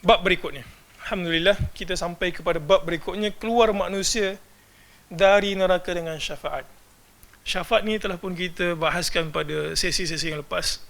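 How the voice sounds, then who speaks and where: High bright-voiced Malaysian preacher. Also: male voice, moderate pace, gravelly. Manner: asks the audience rhetorical questions. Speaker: religious teacher. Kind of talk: religious lecture.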